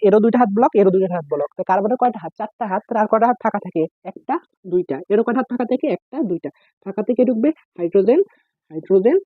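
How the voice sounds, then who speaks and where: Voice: medium pitch, no echo. A chemistry tutor gives a casual exam-prep lecture, asking questions and answering them, repeating each point. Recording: tinny phone-like dry recording.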